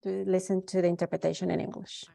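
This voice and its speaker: Woman interpreter, mellow and dry, video call, measured delivery. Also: on the low side, vocal fry, no echo. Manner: steady, measured phrasing with brief self-corrections. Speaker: simultaneous interpreter. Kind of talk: live interpretation into English in a webinar.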